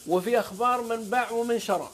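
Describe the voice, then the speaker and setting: With a very high voice and a fairly bright tone, a Saudi-accented guest preacher tells stories at a quick pace on a religious talk show, citing scripture and swearing fervent oaths. Slight background noise runs underneath.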